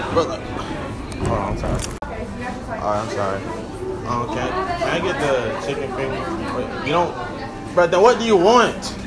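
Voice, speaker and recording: A young man pranking a fast-food counter, yelling curses at a pretend phone call and then mumbling apologies. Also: a little high.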